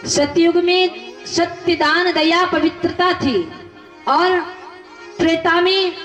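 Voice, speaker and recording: A woman's voice: extremely high pitch, steady tone, slow, a bit bright. A woman preacher telling scripture stories in a devotional sermon, repeating lists and asking rhetorical questions. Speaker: religious storyteller preacher. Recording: echoey hall from far off with music.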